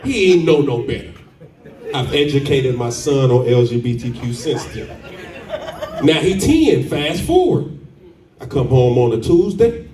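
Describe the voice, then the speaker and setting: A middle-aged man doing a loud, profane stand-up comedy set in a club with a live audience. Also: mid-range voice, unhurried, long pauses. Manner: loud, profane, animated storytelling. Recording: echoey club, distant mic, crowd laughter.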